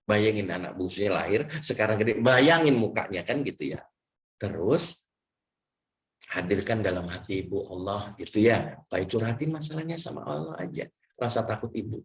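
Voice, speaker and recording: A man lectures in a loose, conversational way, his fairly low voice carrying a gravelly edge. He keeps tossing in tag questions and slips into acting out the prayers of a patient as he explains his points. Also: animated, normal speed. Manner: chatty, frequent tag questions. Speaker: lecturer on prophetic medicine. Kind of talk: conversational religious health lecture.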